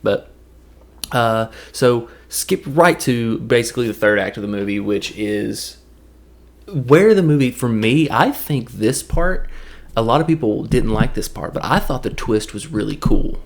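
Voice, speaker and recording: Expressive and mid-range in pitch, a male movie reviewer from Tennessee rambles through a film recap in his Southern accent. He keeps it loose and jokey, breaking into quick impressions along the way.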